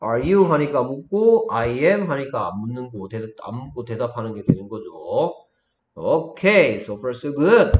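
A man's voice: medium pitch, sing-song, a little slow, dull audio. Coaxing male tutor, roomy sound. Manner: coaxing teacher, many check questions. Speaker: English tutor. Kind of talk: one-on-one English lesson in Korean.

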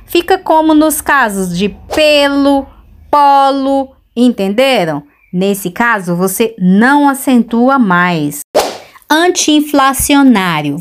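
A Brazilian woman teacher gives a spelling dictation, then explains the answers to viewers in a chatty, questioning way. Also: sits high. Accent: Brazilian Portuguese. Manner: slow, clear dictation with drawn-out words. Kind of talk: dictation and grammar lesson.

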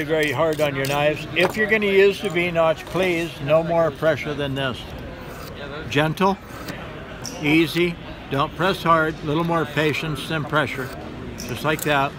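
A middle-aged man giving a knife-sharpening sales demo at a gun show, talking in steady instructive patter and repeating simple tips. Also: on the high side. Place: busy indoor gun show hall. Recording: noisy crowded show floor. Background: crowd chatter.

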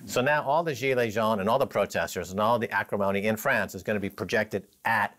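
A man's voice: brisk, a bit bright. A man co-hosting a finance talk show, giving sardonic, emphatic commentary in a studio. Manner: sardonic, emphatic, pitch swinging up and down.

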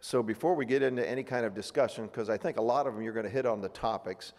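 A man's voice: mid-range voice, fast talker, darkish tone. Middle-aged man moderating in a reverberant hall. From Ohio. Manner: plain-spoken, many fillers and restarts. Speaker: panel moderator. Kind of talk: public panel remarks. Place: large hotel ballroom meeting. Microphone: podium microphone. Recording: long reverb of a big hall.

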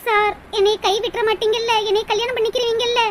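A woman's voice: very high voice, steady tone, quick pace. A woman voicing a young lovesick woman in a cartoon, tearful and pleading. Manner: weepy, pleading. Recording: loud hiss over the voice.

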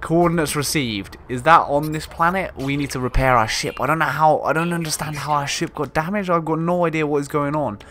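A man hosting a gaming video in a casual, excitable way, commentating and reading game text aloud. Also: fairly high pitch, fairly quick, few pauses. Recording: music behind the voice. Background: game music.

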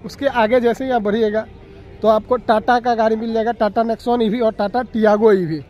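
High-voiced young man touring an expo. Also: steady tone, brisk, highs cut off. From Bihar, India. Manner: chatty, keeps addressing viewers as brother. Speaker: auto vlogger. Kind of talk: walkaround vehicle review vlog. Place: outdoor expo grounds. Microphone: phone camera at arm's length.

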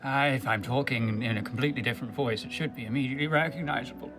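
A man of medium pitch banters casually as a player in a tabletop game. Music plays clearly underneath his joking talk. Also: quick pace. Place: indoor studio set, group at table.

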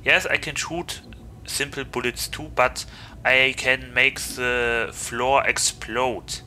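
A man's voice: mid-range voice, steady tone, slow pace, sharp tone, slight background noise. A man with a German accent streaming a game, chatting playfully and getting flustered easily. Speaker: VTuber streamer. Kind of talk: casual gaming stream chat.

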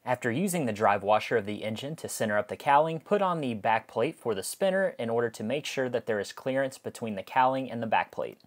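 Man, mid-pitched, walks the listener through a hobby build step by step in an instructional voice-over, repeats himself a lot. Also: lively intonation, brisk, few pauses. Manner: methodical, step-by-step, repeats "again". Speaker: model aircraft build instructor.

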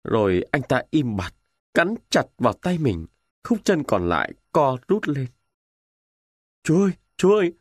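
A man narrating a war novel in the first person with dramatic, expressive delivery. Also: medium pitch, unhurried, husky, no room sound, clean studio sound. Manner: expressive, emotional storytelling. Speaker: audiobook narrator.

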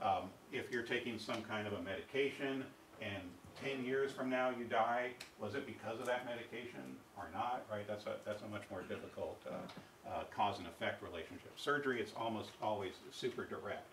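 A middle-aged man giving a university ethics lecture, halting with many fillers and restarts and asking the audience rhetorical questions. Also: lowish voice, a bit bright, slight background noise. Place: lecture hall. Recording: echoey hall recorded from far off.

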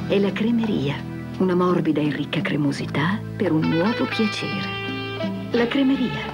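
A woman reading a scripted infomercial-style product pitch as a commercial voice-over. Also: expressive, moderate pace. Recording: loud guitar music under voice-over.

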